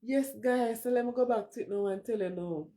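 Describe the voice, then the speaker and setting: A woman in her forties with a Jamaican accent runs a casual livestream, her fairly high, dark-toned voice moving a little fast. She gets emotional and candid, switching into patois while replying to people in the chat.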